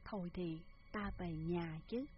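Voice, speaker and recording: A woman's voice: fairly low pitch, unhurried, soft background music, natural voice. Woman doing an old landlord father, remorseful, pleading, storybook tale, slightly dull sound. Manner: pleading, apologetic. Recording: slightly muffled with faint hiss.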